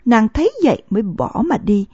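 A woman reading a novel aloud as an audiobook narrator, in measured storytelling narration, in a dull, lo-fi recording. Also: a little high, sing-song, dark tone, slightly rough, no room sound.

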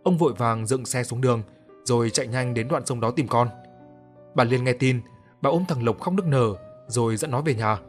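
A man narrating an audiobook in a steady, measured way. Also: mid-range voice, faint music behind. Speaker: storyteller.

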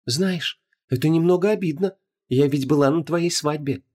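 A man's voice: fairly high pitch, normal speed, darkish tone, voice pushed up, lightly acted. A man voicing a sweetly smiling, seductive goddess of love who speaks in a honeyed, coaxing, condescending way.

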